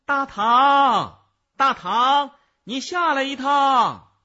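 Bragging magic shadow kid, husky and bright, high lively calls, done by a man reading; dull lo-fi recording. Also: slow, full character voice. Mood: shouting. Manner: bragging, loud calling. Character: boastful magical shadow boy, mischievous. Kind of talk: children's story reading.

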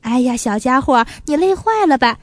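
A woman's voice: high-pitched, lively intonation, no room sound. A woman voicing a kind but busy female magpie who looks after a little pigeon in a children's story. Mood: worried. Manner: warm, chiding, hurried.

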